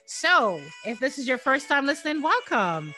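A woman's voice: high-pitched, sing-song, normal speed, bright, forceful tone, faint music behind. A woman hosting a faith-based podcast, upbeat and welcoming, laughing often with her guest. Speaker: podcast host.

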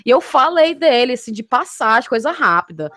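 A woman podcast host with a Cearense accent, telling stories with lively humor and slang. Her voice sits a little high. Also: moderate pace. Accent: Cearense Brazilian Portuguese. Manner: animated, joking storytelling with slang. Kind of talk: casual podcast interview.

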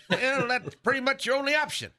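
An actor playing a sly, folksy frontier saloon barkeep in a comic radio sketch, with a rural American drawl and an amused manner. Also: male voice, very high-pitched, bright, forceful tone, heavily acted. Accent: American rural Southern-Western drawl.

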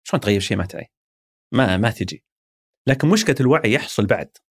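A man with a Saudi accent, once a marketing executive, appears as an interview guest, speaking thoughtfully and using everyday examples to explain his ideas in a reflective, conversational exchange. His mid-range voice is animated and slightly rough, and he talks fast. The studio recording is clean, with no room sound.

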